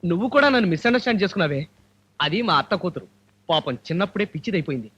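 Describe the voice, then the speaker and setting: A fast-talking scheming con man. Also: sits high, animated, a bit bright, husky, muffled recording, heavily acted. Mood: smooth-talking. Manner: fast, wheedling excuse-making. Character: scheming male con man dodging lenders. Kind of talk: Telugu film comedy scene.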